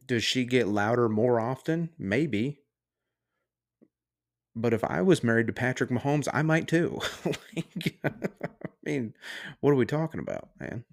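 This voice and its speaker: A man's voice: mid-range voice, a little slow, creaky, long pauses. A podcast host, a man, ranting on his own in a heated, sarcastic and profane way. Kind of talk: casual solo rant.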